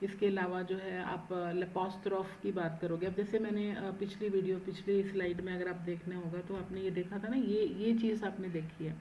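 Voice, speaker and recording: A woman teaching French in an online lecture, stressing each word slowly and often checking in with "है ना". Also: on the low side, fairly even intonation, mellow, a little hiss or hum, low-quality recording. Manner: mixes Hindi and English, frequent "है ना". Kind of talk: online lecture explaining accent marks.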